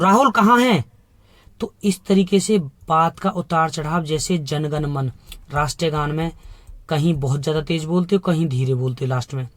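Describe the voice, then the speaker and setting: A man with a slightly high voice teaches an exam-prep lesson in Hindi mixed with English terms, recorded with no room sound. He asks rhetorical questions and emphatically repeats key points.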